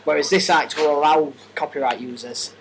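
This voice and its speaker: A man's voice: on the high side, steady tone, normal speed. Rambling man on a noisy podcast. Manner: rambling, laughing, lots of fillers. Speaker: podcast co-host. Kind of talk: casual chat. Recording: noisy amateur podcast recording.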